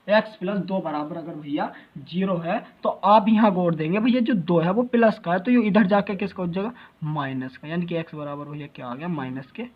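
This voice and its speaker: A man's voice: on the high side, narrow, tinny audio. Man teaching math, asks questions constantly. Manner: keeps asking rhetorical questions and calls listeners brother. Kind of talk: classroom math lecture.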